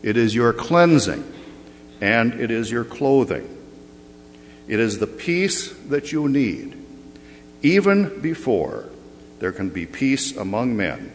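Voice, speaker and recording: A pastor preaching a sermon in slow, measured phrases, his voice ringing with a long cathedral-like echo in a large church. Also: medium pitch, big pitch swings. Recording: reverberant church hall, faint hum.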